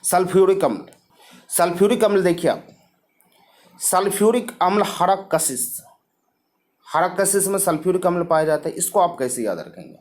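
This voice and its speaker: A man's voice: high voice, moderate pace, long pauses, darkish tone. A man teaching a lesson, explaining memory tricks and asking and answering his own questions.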